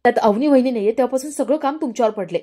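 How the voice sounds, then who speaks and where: A woman's voice: on the high side, rapid-fire, warm tone, close to an everyday voice. A woman reading a worried young husband. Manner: anxious, pleading.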